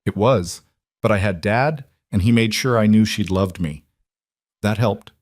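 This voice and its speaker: A man voicing a kind, calm woman in a storybook reading. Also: lowish voice, measured pace, dry recording, studio quality, natural voice. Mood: soft.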